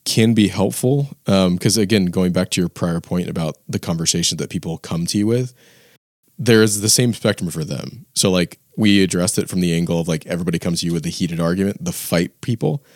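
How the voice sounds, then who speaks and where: A man in casual discussion, relaxed and often saying "like" as he builds his point. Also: sits low, fairly quick, dry recording, studio quality.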